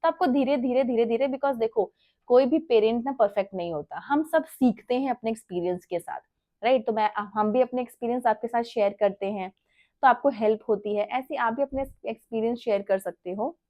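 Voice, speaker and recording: Young mom vlogger, kinda high voice, earnest parenting tips, super dry close sound. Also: female voice, a little fast, no room sound, muffled recording. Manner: earnest, mixes English phrases into Hindi, many rhetorical "right?". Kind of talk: casual advice talk to camera.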